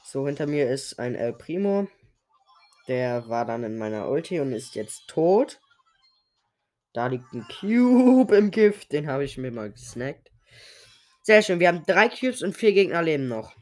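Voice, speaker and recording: A man's voice: mid-range voice, animated, moderate pace. A young man who is sick with a sore throat gives casual, slangy solo commentary on a game, muttering to himself as he plays. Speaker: host of a gaming podcast.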